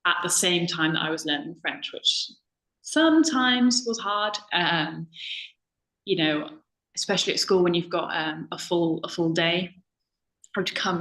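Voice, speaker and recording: A woman's voice: lowish voice, a bit bright. A woman chatting casually as a guest, full of ums, acting out her own past remarks. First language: English. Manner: chatty, lots of ums and self-quoting. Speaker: guest speaker. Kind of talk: casual conversation. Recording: roomy echo.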